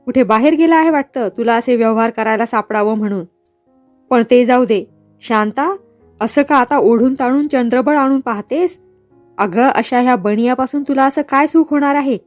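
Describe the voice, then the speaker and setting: A woman's voice: a little high, no room sound, close to an everyday voice. A woman voicing a jealous, sneering man who mocks and pesters a woman. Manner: taunting, mocking.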